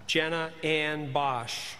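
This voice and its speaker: A man formally announcing graduates at a commencement, speaking at a podium microphone and reading names in a measured, deliberate way. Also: fairly high pitch, fairly even intonation, sharp tone, a little hiss or hum. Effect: speaking into a podium microphone in a large hall. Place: large ceremony hall. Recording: reverberant hall, faint ambience.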